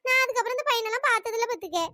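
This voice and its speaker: A woman's voice: very fast, bright, forceful tone, dry recording. A woman voicing a bossy elder sister in a cartoon story, talking. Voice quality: pitch-shifted high voice. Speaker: cartoon voice performer.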